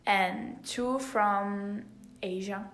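A teenage high school exchange student from Italy, a native Italian speaker with an Italian accent, chats casually as a podcast guest, searching for words in English. Her mid-range voice is fairly bright and steady, and she talks extremely slowly. The voice carries a roomy echo.

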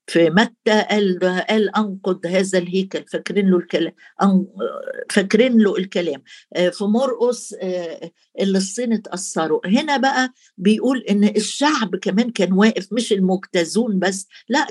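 A woman's voice: mid-range voice, fairly quick, a little mellow, breathy edge. A woman with an Egyptian Arabic accent preaching a conversational sermon, speaking straight to the listener. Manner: conversational, addresses listener directly.

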